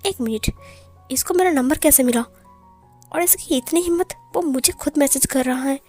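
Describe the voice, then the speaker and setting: A woman's voice: high-pitched, moderate pace, mellow, soft background music, close to an everyday voice. A woman voicing a hot-tempered young male mafia boss who fires off angry, demanding questions.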